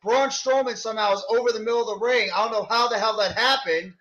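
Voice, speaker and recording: A man working as a wrestling commentator, calling live play-by-play in an excited, exclaiming manner over a stream. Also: high voice, fast. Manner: excited, exclaiming, shouting at big moves. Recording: dull lo-fi online stream audio.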